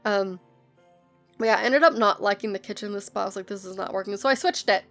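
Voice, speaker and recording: American woman, sick with bronchitis, rough gravelly voice, loose rambling voice-over, faint music underneath. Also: medium pitch, quick pace. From United States. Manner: rambling, lots of ums, self-correcting. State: hoarse from bronchitis, coughing. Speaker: game builder narrating a speed build. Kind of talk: casual chatty voice-over. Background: soft background music.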